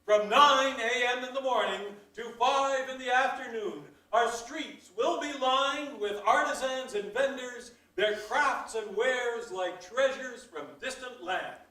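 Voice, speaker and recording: Male town crier. Very high, forceful voice, slow declamatory proclamation, roomy sound. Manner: loud, ceremonial, declamatory, theatrical old-fashioned delivery. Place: indoor council chamber. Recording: echoey hall, far from mic.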